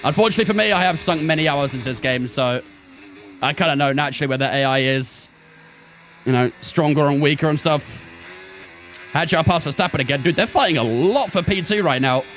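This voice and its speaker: His voice a little high, fairly quick, and a bit bright with some hiss or hum, this twenty-something gaming streamer keeps up a relaxed running commentary while racing, chatting with his audience.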